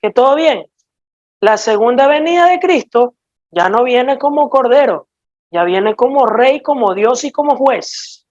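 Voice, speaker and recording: High-voiced Ecuadorian woman preaching emphatically. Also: expressive, measured pace. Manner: emphatic, direct and scolding, with sudden swings in loudness. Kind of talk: sermon. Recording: dull lo-fi recording.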